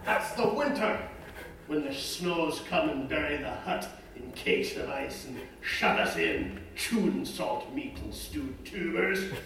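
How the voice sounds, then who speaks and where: Man playing a gruff, coarse peasant. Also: on the high side, sing-song, slow, noisy background, heavily acted. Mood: bitter. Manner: blunt, crude, earthy. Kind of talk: stage acting. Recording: roomy stage sound from far off.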